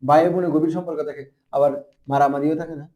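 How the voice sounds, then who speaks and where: A man teaching a classroom grammar lesson. His voice sits high, and he talks quickly, firing rhetorical questions at his students to keep them answering. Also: little pitch movement, darkish tone. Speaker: madrasa teacher.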